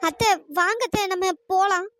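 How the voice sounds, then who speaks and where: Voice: extremely high pitch, steady tone, normal speed, bright, forceful tone, no echo. A performer voicing a scheming young woman who complains to her aunt in a cartoon. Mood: pleading. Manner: complaining, pleading. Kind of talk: cartoon voice acting.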